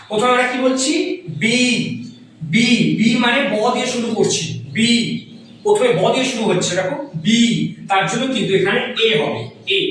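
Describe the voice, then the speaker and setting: A man with a fairly high voice teaches a grammar lesson, sounding out each letter and repeating himself patiently. He is recorded from a distance in a very echoey bare room. Faint background noise sits under his voice. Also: fairly bright tone. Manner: repeats words and asks "understood?"; spells out sounds slowly, writing as he talks. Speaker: English teacher. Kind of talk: explaining grammar in a classroom lesson. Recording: very echoey room, voice far from mic.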